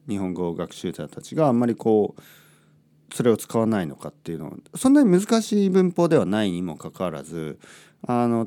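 A man's voice: fairly low pitch, warm tone. A middle-aged man hosting a podcast, talking casually and rambling with frequent self-interruptions. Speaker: podcast host. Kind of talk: casual monologue about Japanese language.

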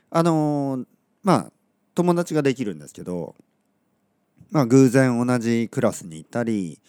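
A man from Oita, Kyushu, teaching Japanese in a relaxed podcast monologue. He chats with many soft fillers, corrects himself as he goes, and his throat is slightly scratchy. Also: lowish voice, no echo. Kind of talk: casual podcast lesson monologue.

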